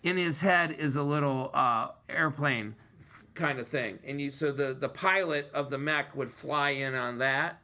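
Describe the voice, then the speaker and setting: Bright-voiced enthusiastic man chatting casually. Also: mid-range voice, measured pace. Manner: enthusiastic, nostalgic, rambling with fillers. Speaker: podcast host. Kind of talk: casual chat.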